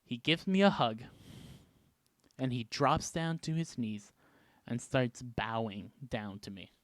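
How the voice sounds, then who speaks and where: A man from Canada telling a story in a casual vlog, animated, jumping between loud bursts and hushed asides. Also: mid-range voice, slow pace, no room sound. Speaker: vlogger.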